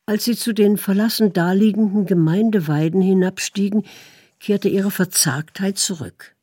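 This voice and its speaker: A woman reading a story aloud in calm, measured narration. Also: mid-range voice, husky, no room sound, clean studio sound. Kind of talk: audiobook narration.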